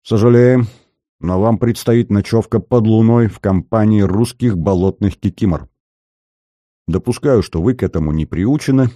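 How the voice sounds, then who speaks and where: A man voicing a calm young male lieutenant, level and commanding with a wry edge. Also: on the low side, no room sound, clean studio sound, natural voice.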